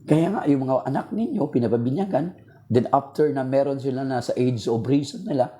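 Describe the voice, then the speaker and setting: A man's voice: medium pitch, brisk, mellow. A man giving an informal religious talk from home, earnest and repeating key points for emphasis, his voice strained.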